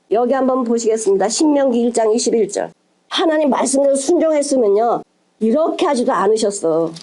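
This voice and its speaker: A woman's voice: on the high side, darkish tone. A woman pastor delivering a sermon, emphatic and full of rhetorical questions to her congregation, moving between formal and casual speech.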